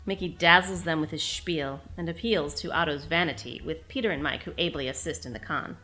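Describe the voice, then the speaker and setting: Woman reading a TV recap, low voice. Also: a little fast, pushed and bright, soft background music. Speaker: podcast host reading her episode recap. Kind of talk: scripted reading.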